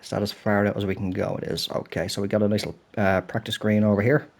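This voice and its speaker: Here the British host talks fast, his fairly low voice barely moving in pitch, while playing a golf video game. A cold leaves him slightly throaty and stuffed up; he's chatty, apologetic, and thinks out loud in relaxed commentary for his gaming channel.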